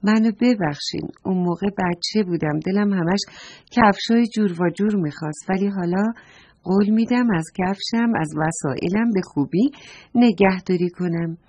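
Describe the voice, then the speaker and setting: A woman's voice: medium pitch, warm tone, dry recording, close to an everyday voice. A woman voicing a polite, eager little boy in a children's story, speaking earnestly and respectfully and asking worried questions. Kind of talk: storybook read-aloud.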